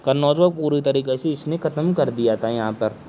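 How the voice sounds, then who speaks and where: Soft-spoken male teacher with a sore throat. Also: medium pitch, brisk, a little hiss or hum. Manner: repeats questions and answers them himself. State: sore throat, speaking softly. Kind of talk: exam-prep history lecture.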